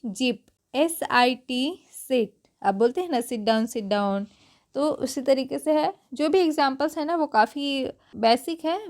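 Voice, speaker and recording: Slightly high-voiced woman teaching pronunciation. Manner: patient, checks understanding with frequent "right?" and "okay?". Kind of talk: Hindi-language phonics lesson, spelling out letters slowly.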